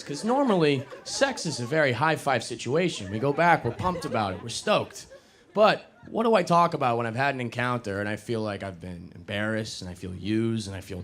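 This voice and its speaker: A young man performing a stand-up comedy set on a club stage, self-deprecating and deadpan, then suddenly loud. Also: mid-range voice, brisk. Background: audience laughter.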